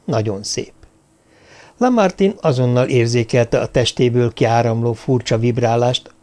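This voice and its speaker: A man reads a mystery novel aloud as a scripted audiobook. His voice is mid-pitched, and he delivers the narration in a steady, even storytelling manner.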